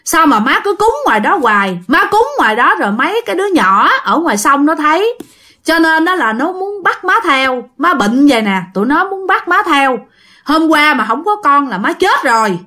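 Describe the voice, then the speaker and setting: A woman's voice: sits high, very animated, normal speed, sharp tone, voice pushed up, heavily acted. A woman voicing the ghost of a grown son who speaks through his mother's body, urgent and pleading. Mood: earnest.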